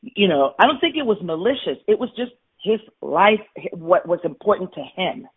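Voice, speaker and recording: Her voice is fairly low and sing-song, with a breathy edge and a moderate pace. A Florida woman in her forties, she's an interview guest earnestly and candidly telling her life story over a tinny, phone-like recording.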